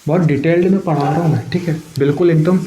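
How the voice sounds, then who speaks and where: A man's voice: fairly high pitch, fairly even intonation, quick pace, mellow, a little hiss or hum. A man teaching English grammar for competitive exams in a Hindi-English lecture, explaining step by step, repeating key words and asking questions of his students.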